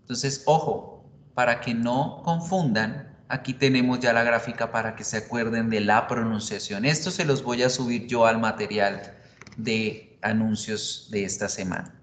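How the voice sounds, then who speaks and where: A man teaches English and talks his students through a video lesson. He speaks slowly and repeats words over and over to drill pronunciation. The echoey room carries a faint low hum behind him. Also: fairly bright tone. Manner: slow, repetitive drilling of pronunciation. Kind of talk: classroom commentary on a video.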